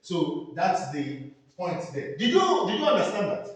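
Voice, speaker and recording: A man with a Nigerian English accent lectures a classroom at a slow, deliberate pace, his high voice rising and falling as he hammers home each key word and checks that the students follow. The sound is very echoey, picked up from a mic some distance away in the room. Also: huge pitch swings. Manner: emphatic, repeats key words, quizzes the class. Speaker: design teacher.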